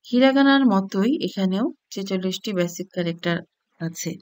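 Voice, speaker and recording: A woman's voice: mid-range voice, lively intonation, a little mellow, no room sound. A woman teaching a language lesson, reading syllables out one by one from a chart. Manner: reads sounds one by one, clear and unhurried.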